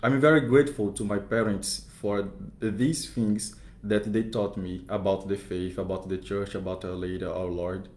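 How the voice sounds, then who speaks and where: A young man in his twenties with a Brazilian Portuguese accent, speaking in a fairly low voice. He talks in careful, hesitant English and is polite throughout. His voice carries through an echoing parish room. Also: steady tone, normal speed, few pauses, darkish tone. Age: 20s. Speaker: seminarian guest.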